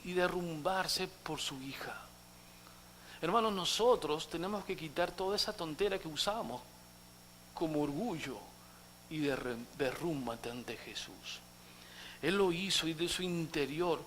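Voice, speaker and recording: A male pastor preaching a sermon dramatically, acting out quotes and swinging from loud outbursts to hushed asides, in a church. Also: sits high, slight background noise.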